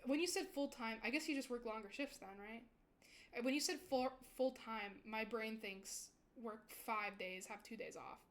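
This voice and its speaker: A woman's voice: fairly high pitch, moderate pace. A young woman VTuber chatting casually with her stream viewers, rambling and giggling often.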